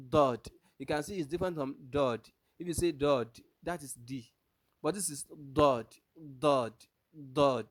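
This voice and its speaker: A man teaching Arabic pronunciation, who repeats each letter sound aloud several times, asks the class if they follow, and switches between English and Arabic. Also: mid-range voice. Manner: asks the class rhetorical checks. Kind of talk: pronunciation lesson.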